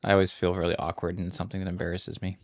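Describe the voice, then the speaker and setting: A man's voice: sits low, monotone, very fast. A man in his thirties co-hosting a family podcast, chatting in a laid-back, self-deprecating, rambling way. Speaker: podcast co-host. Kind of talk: casual chat.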